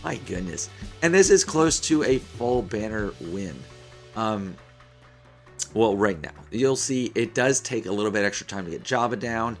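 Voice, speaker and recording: Low-pitched hoarse man talking through a game. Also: lively intonation, a little slow, faint music behind. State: hoarse, losing his voice. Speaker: gaming video host. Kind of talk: casual game commentary. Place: small room indoors at a desk.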